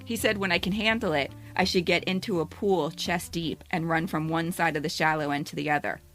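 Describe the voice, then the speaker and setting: Soft music sits behind this woman in her fifties, a podcast co-host who tells personal stories frankly, first reading a scripted essay, then bantering casually. Her lowish voice is steady and a bit bright, and she talks fairly quickly.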